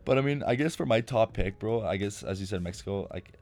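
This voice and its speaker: A young man with a fairly low voice, co-hosting a casual podcast. He talks in crude slang and throws himself into acting out the people in his stories. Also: lively intonation, quick pace, a little mellow. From Albania. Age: young adult. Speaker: podcast co-host. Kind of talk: casual chat.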